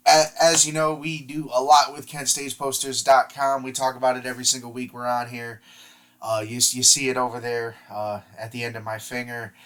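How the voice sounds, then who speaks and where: A man co-hosting a sports podcast from home, talking over a remote link at a middle pitch. His talk is loose and chatty. He keeps doubling back on his own words before he pushes on. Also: flat delivery, normal speed, a bit bright. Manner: rambling, repeats words while restarting sentences. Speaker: podcast co-host. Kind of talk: casual sports podcast chat. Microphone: remote podcast mic over the internet.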